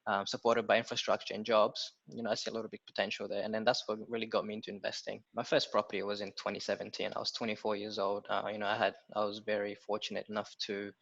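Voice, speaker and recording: Gravelly young man, flat delivery. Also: fairly low pitch, quick pace, hardly any pauses. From Ethiopia. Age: 20s. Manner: relaxed, many fillers like "you know" and "um". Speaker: guest, property research analyst. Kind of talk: casual interview chat. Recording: dull lo-fi audio.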